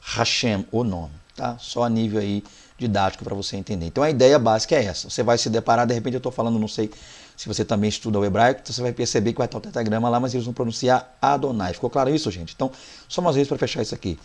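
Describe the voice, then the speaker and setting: A man's voice: medium pitch, racing, a little mellow. A man with a Brazilian Portuguese accent teaching a Bible study lesson, explaining Hebrew words one by one and checking in often with his listeners. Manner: talks to the class directly with "né" and "tá".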